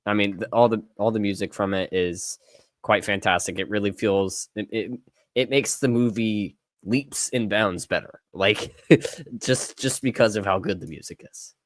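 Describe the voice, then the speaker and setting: A man's voice: lowish voice, normal speed, no echo. A man co-hosting a casual podcast, easygoing and enthusiastic as he chats. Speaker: podcast co-host.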